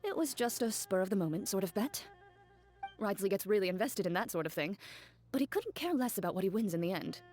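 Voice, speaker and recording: A woman voices a composed, reserved young woman in a video game, mid-pitched and deadpan. She speaks slowly and plainly, with little emotion. Faint music runs underneath. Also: close to an everyday voice. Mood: matter-of-fact. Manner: deadpan, slow and measured. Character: calm, reserved young woman, dry and matter-of-fact.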